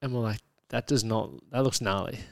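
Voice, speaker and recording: A man's voice: fairly low pitch, a little fast, creaky, no room sound, studio quality. A man in his thirties with a broad Australian accent, chatting casually and telling stories in a slangy, joking way as a podcast co-host. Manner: laid-back, slangy, joking. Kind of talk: casual chat, storytelling with his wife.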